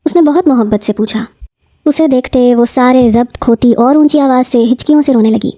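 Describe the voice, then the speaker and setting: A woman narrating a romance novel in a steady, measured reading voice. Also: sits high, no echo, studio quality.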